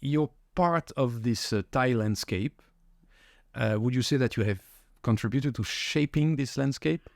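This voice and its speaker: A podcast host with a gravelly, mid-range voice conducts an interview at an unhurried pace. He is curious and friendly, asking questions and summarizing his guest's answers back.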